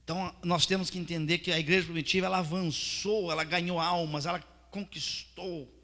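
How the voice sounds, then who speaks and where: Gravelly fervent pastor preaching. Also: male voice, high-pitched, fairly even intonation, brisk. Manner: fervent storytelling, swinging from soft to loud preaching. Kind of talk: sermon with personal testimony. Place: church hall. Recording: reverberant church hall.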